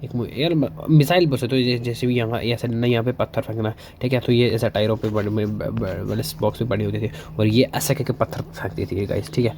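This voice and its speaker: A man teaching history for exams, reading English lines slowly, then explaining fast in Hinglish with fillers and questions he answers himself. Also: medium pitch, steady tone, background noise. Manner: keeps asking and answering his own questions. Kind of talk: exam-prep lecture.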